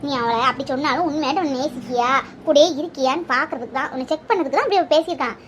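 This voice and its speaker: A woman's voice: extremely high pitch, animated, fast, slight background noise. A woman voicing a middle-aged aunt in a cartoon, scolding and bossy in manner. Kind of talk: cartoon voice acting.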